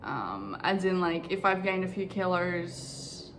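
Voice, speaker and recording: Slow, candid woman in her twenties. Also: fairly low pitch, very animated, echoey room, background noise. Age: 20s. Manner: candid and reflective, unhurried. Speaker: vlogger. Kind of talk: casual personal vlog. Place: bedroom in her new home.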